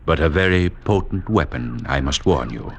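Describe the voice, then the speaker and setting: Deep, suave, sinister doctor villain. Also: male voice, expressive, moderate pace, gravelly, full character voice. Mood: politely menacing. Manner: over-polite, formal, menacing. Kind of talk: 1940s radio drama acting. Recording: noisy 1940s radio recording.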